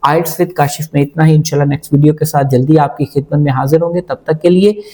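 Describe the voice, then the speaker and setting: A man teaching as an IELTS coach, explaining calmly and mixing English phrases into his Hindi-Urdu, slowing down to model sentences word by word. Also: on the high side. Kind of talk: instructional video lecture.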